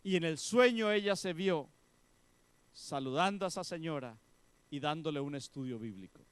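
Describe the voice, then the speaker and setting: Pastor, male, storytelling sermon voice, smooth and a touch high, swings between loud and hushed. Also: normal speed. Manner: animated storyteller, voicing the women in the story with soft, hushed tones.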